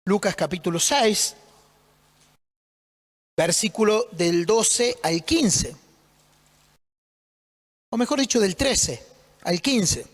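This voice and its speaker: High-voiced pastor in a hall. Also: male voice, lively intonation, slow pace, pauses often. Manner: conversational, joking, asks rhetorical questions. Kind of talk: sermon. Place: church.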